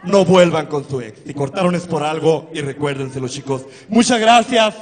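A man's voice: a little high, lively intonation, normal speed. A man with a Sinaloan Mexican accent doing crude, exaggerated stand-up comedy in a campy female persona on a club stage. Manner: crude, exaggerated, shrieking quotes. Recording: reverberant live venue.

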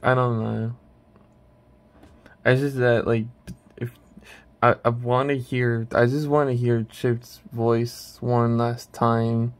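A man's voice: medium pitch, level tone, slow pace, long pauses. A man hosting his channel, chatting casually while ranking a tier list, rambling and hesitant with many restarts. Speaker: channel host.

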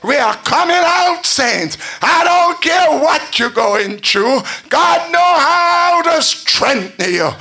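An older man preaching at a church pulpit, chanting and shouting in a sing-song call-and-response style. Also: very high-pitched, animated, takes it slowly, vocal fry, few pauses. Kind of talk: chanted Pentecostal sermon. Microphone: pulpit stand mic.

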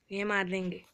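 A woman's voice: medium pitch, bright, forceful tone. A woman giving casual, chatty commentary while playing a video game, whining and pleading in fun. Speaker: gamer.

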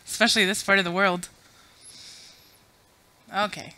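At a moderate pace and in a steady, mid-range voice that sounds pushed and bright, this Afghan-born woman in her thirties gives a chatty, self-deprecating conference talk. She speaks through a podium mic to a crowded room and runs audience polls.

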